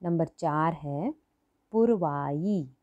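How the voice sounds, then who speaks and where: A woman's voice: low voice, expressive, drawn-out words, darkish tone, muffled recording. A woman teaching a primary school lesson, patient, repeating each word and asking the class questions. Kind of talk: slow classroom lesson for children.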